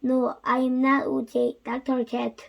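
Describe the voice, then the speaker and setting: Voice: sits high, completely flat delivery, unhurried, gravelly, exaggerated voice. A reader voicing a worried, sneezing male elephant in a picture book, dramatic and fretful.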